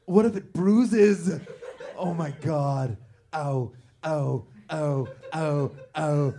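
A man's voice: fairly high pitch, extremely slow, warm tone. A man playing a whiny, self-pitying superhero in pain, wailing melodramatically in a comedy script reading. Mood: pained whining. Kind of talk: comedy script read-through.

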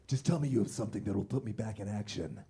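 A self-serious masked crimefighter acted by a man in a comedy reading. The voice drops into a low, grim growl full of gravel. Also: fast talker, warm tone. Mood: grim deadpan. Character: grim, self-serious Batman, adult male vigilante. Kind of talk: comedy script read-through.

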